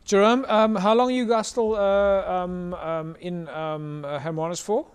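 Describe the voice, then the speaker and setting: A man's voice: high-pitched, steady tone, measured pace, smooth. A South African man hosting a live rugby show, presenting casually in a chatty, hesitant way.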